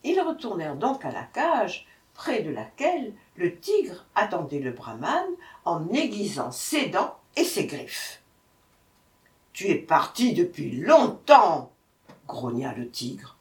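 Woman reading a kids story slowly, voice swings all over, echoey room far from mic. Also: on the low side. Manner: slow, expressive, lively voice.

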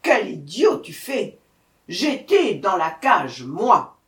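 A woman voicing a fierce, impatient male tiger in a storybook tale, loud, growling and bossy. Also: medium pitch, big pitch swings, slow pace. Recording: echoey room, voice from far off.

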